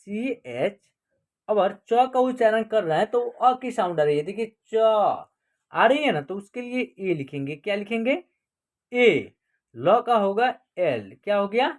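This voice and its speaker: A woman's voice: mid-range voice, darkish tone. A woman teaching an online class, explaining step by step and asking questions that she then answers herself.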